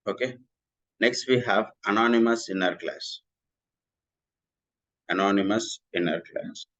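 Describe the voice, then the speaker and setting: A man's voice: lowish voice, measured pace, muffled recording. A man giving a recorded programming lecture, explaining step by step and often repeating himself. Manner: repetitive, steady explaining, often restates lines. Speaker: programming instructor.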